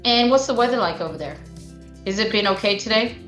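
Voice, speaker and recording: A woman's voice: mid-range voice, expressive, fast, a bit bright, reverberant, faint music behind. A woman sommelier hosting a casual interview, chatty and enthusiastic, with lots of fillers, over a video call. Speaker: sommelier host.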